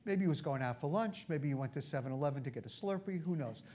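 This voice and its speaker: A male pastor from Brooklyn, New York, with a Brooklyn accent, delivers sermon teaching in a voice pitched a bit higher than most men's. He works through scripture loosely and conversationally, quick-paced and expressive with a darkish tone, often pausing for asides and to check in with listeners. A faint hiss or hum runs under the recording.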